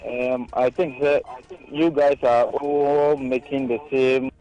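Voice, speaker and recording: A man's voice: mid-range voice, fairly even intonation, slow pace, dark tone, muffled recording. A man with a Ghanaian accent giving his opinion as a caller on a radio show, switching between languages as he argues. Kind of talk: opinionated call-in argument, mixing languages.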